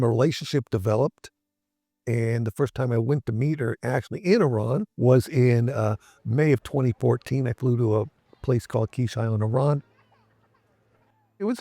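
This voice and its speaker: A middle-aged man, a guest in an interview, recounting events in a measured way with frequent pauses and fillers. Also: medium pitch, vocal fry, warm tone, dry recording. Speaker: interview guest, Navy veteran. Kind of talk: interview storytelling.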